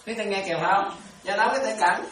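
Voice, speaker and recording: With a medium-pitched voice and a fast delivery, a Buddhist teacher repeats phrases in her dharma talk and often asks whether her listeners follow. A crowd can be heard behind her, and the distant mic picks up an echoey room with faint ambience.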